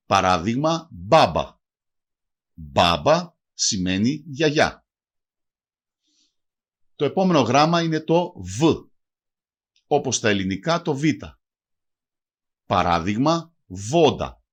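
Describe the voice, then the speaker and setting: Man narrating a lively scripted language lesson. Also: mid-range voice. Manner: slow, deliberate spelling out of example words. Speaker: language teacher.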